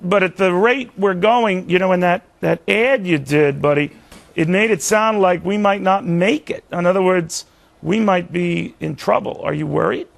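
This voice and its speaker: A man's voice: high-pitched, moderate pace, vocal fry. A man hosting a television interview in a conversational broadcast style, often backtracking and repeating his words. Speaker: TV news interview host.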